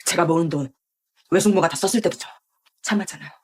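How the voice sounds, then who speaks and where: A woman's voice: lowish voice, fast, breathy edge. An actress voicing a wronged, grieving young pregnant woman who defies her family in a dubbed TV drama. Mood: defiant, grieving. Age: young adult. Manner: tearful, pleading defiance. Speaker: pregnant niece.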